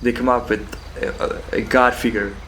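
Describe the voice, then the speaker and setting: A man of medium pitch thinks aloud in a solo philosophical monologue. He moves haltingly, repeating phrases and posing questions to himself. Faint background noise with crickets and insects sits behind his voice. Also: little pitch movement, a bit bright. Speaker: solo host of a philosophical talk.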